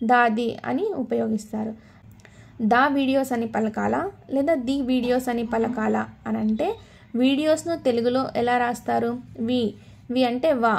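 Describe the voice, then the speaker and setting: A woman with a Telugu accent leads an English grammar lesson, her voice sitting a little high with a gravelly edge. She repeats key words and keeps asking her learners questions as she explains. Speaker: spoken English teacher.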